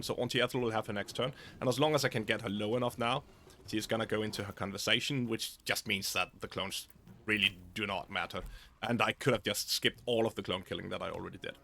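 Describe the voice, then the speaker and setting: A man's voice: fairly low pitch, gravelly, pushed and bright, slight background noise. A man casually commenting over his own gameplay, thinking aloud and often restarting his sentences.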